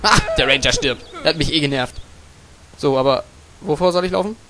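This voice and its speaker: A man giving gaming commentary, muttering to himself, swearing casually and yelling out repeated words when the action heats up. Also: fairly high pitch, a little fast, faint music behind. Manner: excitable, yells and repeats words in a rush during fights. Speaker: let's player.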